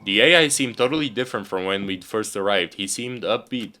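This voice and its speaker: A man's voice: lowish voice, fairly quick, pushed and bright, faint music behind. A man playing a visual novel game and reading its lines aloud in a casual, joking way. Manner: casual, swears, laughs at the script. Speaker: let's play host.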